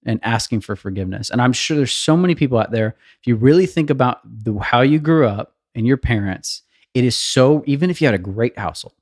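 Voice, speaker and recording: A man in his thirties co-hosting a casual podcast, reflective and earnest, often circling back and restarting his thoughts. His voice sits at an ordinary middle pitch. The sound is dry and close, with no room around it. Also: animated, brisk, a little mellow, dry recording. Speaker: podcast co-host.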